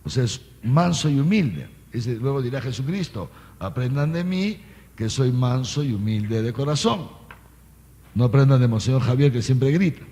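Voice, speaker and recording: A man giving a catechesis sermon as an archbishop. He reads scripture aloud, explains it in everyday words and keeps tossing questions and a quick "¿eh?" to his listeners. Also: medium pitch. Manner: animated, peppers talk with "¿eh?" and questions to listeners. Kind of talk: catechesis sermon to a live audience. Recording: long reverb of a large hall.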